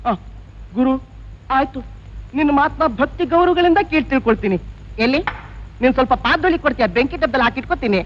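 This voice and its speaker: An actor playing a cheeky young sidekick who teases with mock reverence. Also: male voice, extremely high pitch, fast, long pauses, slight background noise. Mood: teasing. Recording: dull old film soundtrack with music.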